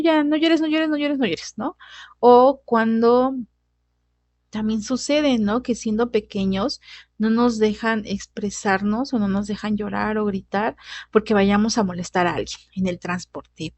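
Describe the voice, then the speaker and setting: A woman's voice: fairly high pitch, a little mellow, no room sound. A woman giving a conversational recorded class lecture, often adding tag questions and restarting sentences. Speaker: teacher.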